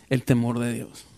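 A man's voice: medium pitch, a little mellow, no room sound. An older man, preaching a sermon and putting rhetorical questions to his congregation. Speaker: pastor.

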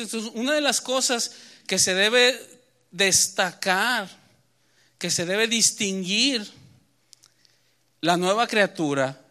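A man preaching a sermon in church, moving between quiet Bible reading and emphatic, rising points. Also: high voice.

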